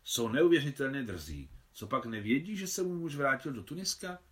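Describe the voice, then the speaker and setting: A man's voice: medium pitch, sing-song, fairly bright tone. A man voicing a fiery indignant lady. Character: hot-tempered lady of the house.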